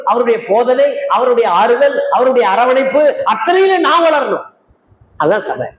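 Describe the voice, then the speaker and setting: Older guy preaching in a church hall, high voice, lots of questions at the crowd, echoey with a bit of hiss. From Tamil Nadu, India. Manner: rhetorical questions, calls out to listeners by name. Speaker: evangelist preacher. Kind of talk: sermon. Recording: echoey hall with faint noise.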